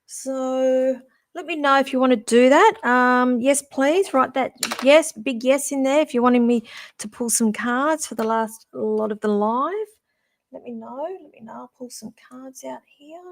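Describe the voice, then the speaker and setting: A middle-aged woman giving a casual live-stream psychic reading, musing aloud and stopping and restarting as she talks. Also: high-pitched. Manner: chatty, musing aloud, halting with restarts and fillers. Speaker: psychic reader.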